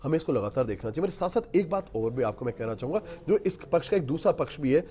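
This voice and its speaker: A man's voice: a little high, animated, fast, warm tone. A man speaking as a guest on a televised panel debate, formal and insistent, mixing English phrases into his speech.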